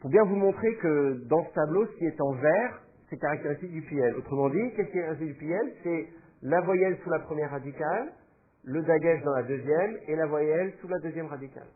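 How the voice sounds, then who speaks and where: A man's voice: a little high, fairly quick, crowd noise. Guy teaching a class, patient, lots of euh, tinny lo-fi recording. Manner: patient, explanatory, thinks aloud with fillers. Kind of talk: classroom lecture.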